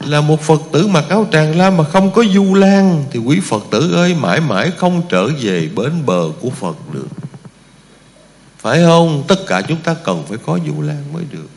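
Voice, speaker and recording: A man's voice: a little high, expressive, normal speed, darkish tone, in a large hall. A man preaching a Buddhist sermon to his congregation, speaking emphatically and often asking his listeners rhetorical questions.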